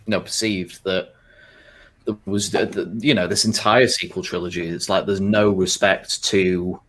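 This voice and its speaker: A man's voice: low voice, steady tone, moderate pace, fairly bright tone. A man hosting a casual podcast chat, rambling with constant fillers and frequent swearing. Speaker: podcast host.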